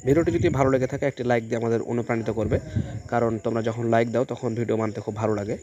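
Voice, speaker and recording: Guy from bangladesh teaching a school book lesson, talks fast, kinda encouraging, faint hiss. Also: medium pitch, fairly even intonation, muffled recording. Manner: brisk, encouraging, repeats fillers. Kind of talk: online textbook lesson.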